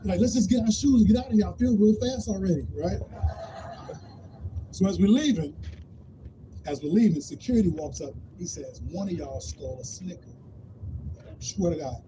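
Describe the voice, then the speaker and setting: A man's voice: high-pitched, a little fast, long pauses. A man telling a funny story in a loose, casual style, acting out what everyone said. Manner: animated, acts out quotes in different voices. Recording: noisy live stream.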